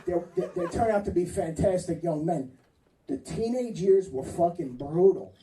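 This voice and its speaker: A man's voice: high voice, expressive, normal speed, reverberant. A man in his fifties doing a rambling, profane stand-up routine on a comedy club stage, cutting off hecklers as he goes. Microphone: handheld stage mic. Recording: distant mic, loud crowd laughter.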